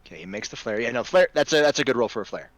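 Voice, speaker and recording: A man's voice: medium pitch, animated, rapid-fire. A man casually narrating a tabletop role-playing game as its game master.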